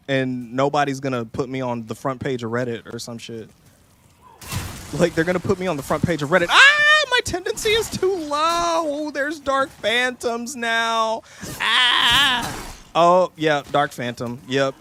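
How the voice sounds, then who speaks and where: A man's voice: mid-range voice, a little hiss or hum. A young man streaming a game, chatting casually in a jokey, profane, rambling way and slipping into mocking voices. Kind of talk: casual gameplay streaming chat.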